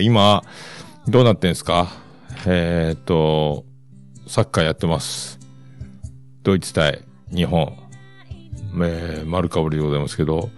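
Fifties male podcast host, Kansai accent, low and gravelly, chatty and rambling. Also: darkish tone. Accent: Kansai Japanese. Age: 50s. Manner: rambling, chatty, loose asides. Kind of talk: casual solo chat.

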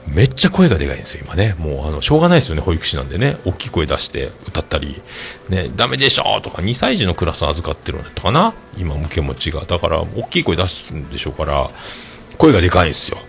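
A man's voice: very deep voice, big pitch swings, fast talker, gravelly, a little hiss or hum. A man, hosting a casual podcast monologue, rambling through stories with many filler sounds. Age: 40s. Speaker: podcast host. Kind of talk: casual podcast monologue reading listener comments.

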